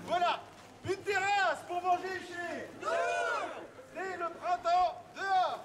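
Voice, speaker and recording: A man performing as a town crier, proclaiming residents' messages in a loud, drawn-out, declamatory call. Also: extremely high pitch, fairly even intonation, heavy background noise, voice pushed up. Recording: outdoor street with loud crowd. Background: busy crowd in an urban street.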